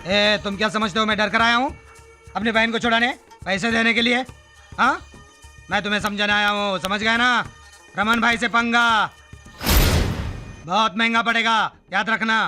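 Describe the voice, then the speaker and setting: A man's voice: high-pitched, fairly even intonation, normal speed, pauses often, bright, forceful tone. An actor playing a tough male gang messenger who delivers cold threats in street slang. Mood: threatening. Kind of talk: Hindi film acting. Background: film score music.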